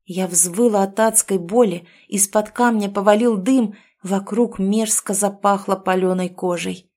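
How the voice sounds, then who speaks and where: A woman narrating a first-person audiobook in a steady, expressive storytelling manner. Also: mid-range voice, a little slow.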